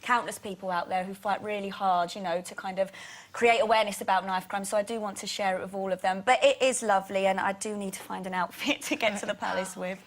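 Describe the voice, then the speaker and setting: A woman in her twenties, a guest on a TV chat show, talking quickly and animatedly, sometimes giggly. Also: mid-range voice, fairly even intonation. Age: 20s. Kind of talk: casual TV chat show interview. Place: TV studio.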